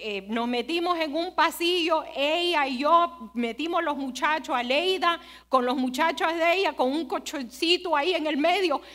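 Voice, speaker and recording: A woman preaches a sermon in a high-pitched, sharp voice, telling stories conversationally and speaking straight to her listeners, even asking them questions directly.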